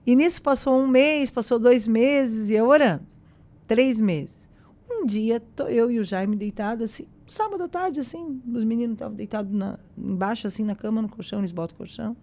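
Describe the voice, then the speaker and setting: A woman, a podcast guest sharing a personal faith testimony in a casual, animated way, acting out the dialogue she retells. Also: fairly high pitch, normal speed. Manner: animated storyteller who acts out quoted dialogue.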